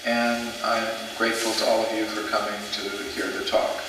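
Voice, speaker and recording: A man's voice: lowish voice, monotone, normal speed. Male lecturer in a very echoey hall. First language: English. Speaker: lecturer, researcher in history of archaeology. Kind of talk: public lecture in short phrases, pausing for interpreter. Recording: echoey hall, distant mic, noisy.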